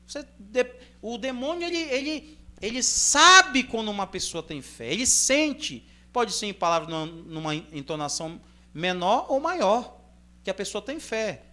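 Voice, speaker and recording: A man with a Brazilian accent, reading scripture aloud in measured phrases and then explaining it in a loose, conversational sermon style. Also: sits high, big pitch swings, bright, forceful tone. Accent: Brazilian Portuguese. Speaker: preacher. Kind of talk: Bible reading and informal sermon commentary.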